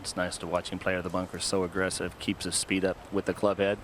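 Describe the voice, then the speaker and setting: A man's voice: low-pitched, monotone, fast, a bit bright. A man giving analysis as a golf commentator during a tournament. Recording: outdoor broadcast, clear ambient noise.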